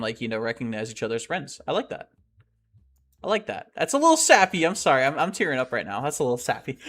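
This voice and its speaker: A young man streaming a game and chatting casually with his live chat, rambling and excitable and often laughing. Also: mid-range voice.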